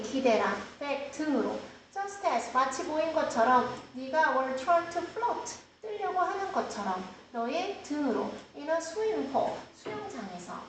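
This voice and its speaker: High-voiced woman teaching in an echoey room. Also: a bit bright, a little hiss or hum. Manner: explains step by step, asks the class questions. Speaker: English teacher. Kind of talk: classroom lesson. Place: classroom. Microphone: screen-recorded, far from the mic. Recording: roomy classroom, distant mic.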